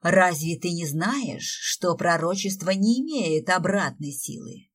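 A woman's voice: on the low side, lively intonation, unhurried. A woman voicing a scheming witch stepmother with a sweet, hissing voice in an audiobook. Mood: menacing. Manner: honeyed then hissing.

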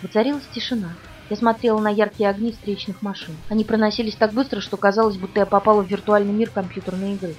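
A woman reading a novel aloud in the first person, with brisk, even storytelling. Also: mid-range voice, faint music behind. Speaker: audiobook reader.

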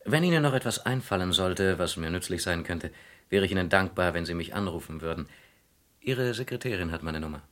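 In a German radio crime play, a male actor with a low-pitched voice and lively intonation portrays a polite, persistent insurance investigator. He questions courteously and deliberately, with a probing edge.

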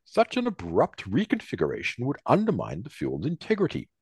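A man's voice: mid-range voice, wildly swooping pitch, a little fast, darkish tone, husky, no echo, voice pushed up, full character voice. A man doing Evolvo, a stiff alien scientist. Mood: dismissive. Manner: formal, clipped.

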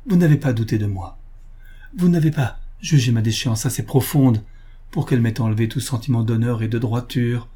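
A man's voice: mid-range voice, mellow, slightly rough, lightly acted. A man voicing a grave noble countess. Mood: fervent. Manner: earnest, measured, solemn. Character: noble young countess, grave and self-sacrificing.

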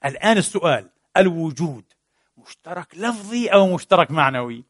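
A man's voice: on the high side, expressive, a little fast, dry recording, clean studio sound. A man giving a philosophy lecture, asking questions and answering them himself, mixing formal with colloquial words. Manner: asks and answers his own questions.

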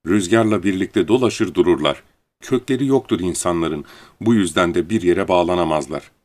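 A man's voice: deep voice, moderate pace, darkish tone, lightly acted. A man voicing a plain little desert flower who speaks in a detached, matter-of-fact way. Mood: aloof.

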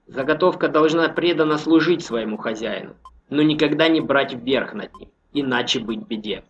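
A man reading a novel aloud in a measured, even storytelling manner. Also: medium pitch, lo-fi sound, slight background noise. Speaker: audiobook narrator. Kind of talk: scripted narration.

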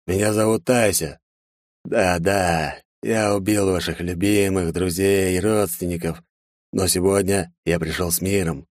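A sneering, theatrical villain, put on by a male narrator taunts a crowd of hostages. The voice sits higher than the narrator's deep natural tone and swings between loud mockery and drawled asides. The recording is close and dry. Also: fairly even intonation, measured pace, no echo. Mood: mocking. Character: gloating masked male terrorist leader.

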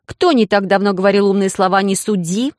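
A woman's voice: medium pitch, fairly quick, darkish tone, no room sound, studio quality, pitched above the performer's own voice, natural voice. A woman voicing a playful, cunning young heroine in a romance audiobook, coy and teasing.

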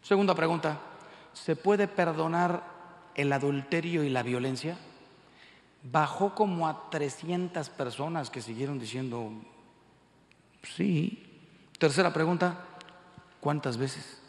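Mexican priest in his 50s, preaching with jokes and little acted-out scenes, higher voice, echoey big hall. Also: a little slow. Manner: animated storytelling, acting out dialogue in voices. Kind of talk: humorous sermon to a large audience. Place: large hall with live audience.

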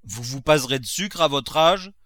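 A man's voice: mid-range voice, lively intonation, normal speed, fairly bright tone, dry recording, clean studio sound, voice pushed up, lightly acted. A man voicing an old countrywoman servant, loyal and stubborn, who talks in a rustic, bold and familiar way. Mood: pleading, protesting. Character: blunt elderly woman servant, loyal and stubborn.

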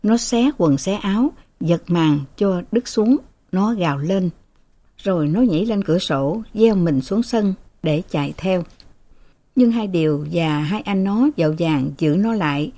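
Woman reading a novel aloud, calm steady narration. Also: fairly low pitch, measured pace.

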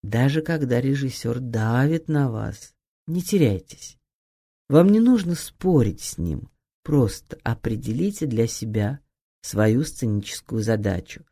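A woman giving an expressive, emphatic scripted narration of an acting guide, read as an audiobook. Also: rumbling low, unhurried, breathy edge. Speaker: audiobook reader.

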